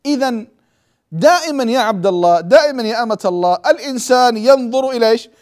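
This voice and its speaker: A man's voice: very high-pitched, animated, quick pace. A man teaching a hadith lecture, who keeps asking his listeners questions and answering them himself. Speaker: religious lecturer.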